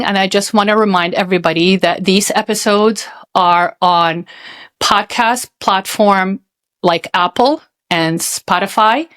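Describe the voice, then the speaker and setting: A woman born and raised in Saudi Arabia, hosting a podcast in a measured, explanatory way. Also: medium pitch, fairly bright tone. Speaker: podcast host. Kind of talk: casual podcast chat.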